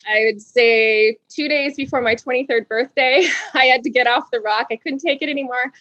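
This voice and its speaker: A woman's voice: fairly high pitch, normal speed, fairly bright tone, dry recording, muffled recording. A woman from Hawaii being interviewed as a guest author, talking in a bubbly way and laughing often. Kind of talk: interview conversation.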